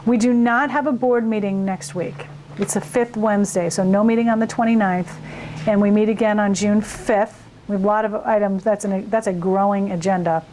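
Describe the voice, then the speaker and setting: A woman's voice: medium pitch, fairly even intonation, normal speed, darkish tone, a little hiss or hum, rough recording. A woman working as a town administrator, giving a casual, plain-spoken community update in an interview.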